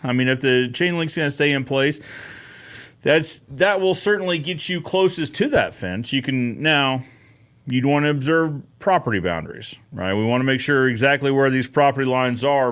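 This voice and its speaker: A man's voice: medium pitch, a bit bright. A man hosting a casual live-stream Q&A, upbeat and chatty, greeting viewers by name between answers. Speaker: host of a live Q&A show.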